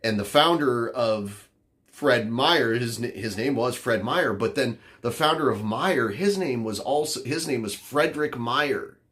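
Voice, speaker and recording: A podcast host from the northern United States rambles offhandedly while answering chat, packing in fillers. His mid-range voice is animated and a bit bright, and he talks a little slowly.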